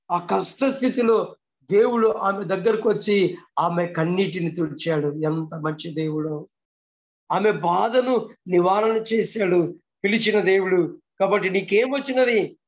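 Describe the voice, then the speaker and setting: A man with a high-pitched voice delivers a morning devotional sermon, pressing his points through repetition and rhetorical questions. His voice comes through the muffled, lo-fi sound of a video call. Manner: fervent preaching with repeated phrases and rhetorical questions. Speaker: pastor.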